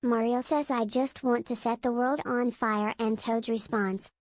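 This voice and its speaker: A woman's voice: a little high, steady tone, measured pace, no room sound. A young woman chatting casually, playfully prodding a streamer. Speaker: friend in the stream chat. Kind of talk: casual teasing chat.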